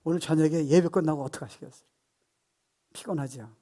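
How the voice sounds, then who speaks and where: A man in his sixties preaching a sermon as pastor, animated and playful, acting out voices and laughing at his own jokes. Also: on the high side, quick pace.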